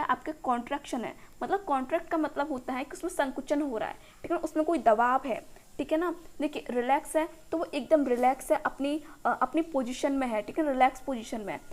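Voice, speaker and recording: A young woman with a high voice gives a biology lesson. She checks in with her students after almost every phrase, poses questions and answers them herself. Textbook lines are read out slowly before she explains them. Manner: repeats "ठीक है ना" often, asks and answers her own questions. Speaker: biology teacher. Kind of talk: classroom lecture explaining in Hindi.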